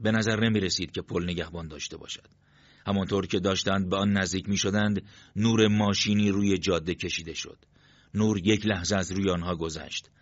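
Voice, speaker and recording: A man with a fairly low voice reads a story in a steady, measured narration. The recording is dull and lo-fi, with a dry, close sound. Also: no echo. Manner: steady, measured literary reading. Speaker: audiobook narrator. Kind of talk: scripted narration.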